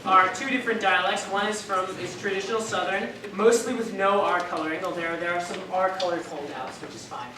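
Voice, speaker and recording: A woman's voice: mid-range voice, steady tone, crowd noise. Woman teacher quizzing a class. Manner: brisk, quizzing students, upbeat. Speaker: dialects teacher. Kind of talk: classroom introduction with quiz questions. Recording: echoey room, far mic, noise.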